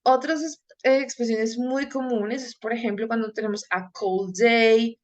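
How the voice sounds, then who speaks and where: Slow, careful woman teacher. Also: on the high side, fairly even intonation. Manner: slow, careful, repeats words for pronunciation. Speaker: English teacher. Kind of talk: bilingual grammar lesson.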